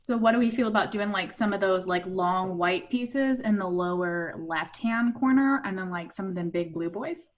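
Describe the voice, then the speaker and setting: A woman's voice: mid-range voice, normal speed, few pauses. A woman in casual chat on a video call, joking and rambling, laughing often. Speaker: robot team member.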